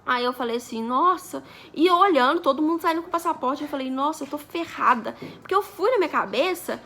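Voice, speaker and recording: A young woman in her twenties with a high, bright voice tells a story to her vlog audience. She chats along casually and plays out the lines of the people in it. A faint hum sits in the background. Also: expressive, fast. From Brazil. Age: 20s. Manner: chatty, acts out quoted dialogue. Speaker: vlogger.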